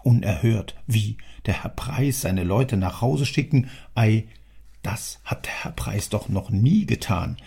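Servile old bookkeeper done by a male narrator, muttering, obsequious, gravelly, husky, storybook reading. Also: fairly low pitch, slow, warm tone, full character voice.

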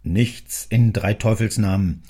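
A man voicing a gruff, domineering older male factory owner who scolds loudly and sarcastically. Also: lowish voice, slow. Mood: curt.

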